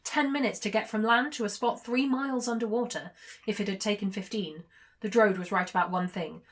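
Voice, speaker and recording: A woman's voice: mid-range voice, fairly quick. A woman recapping a novel in a casual vlog, chatting with light jokes and reading passages aloud. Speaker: book reviewer.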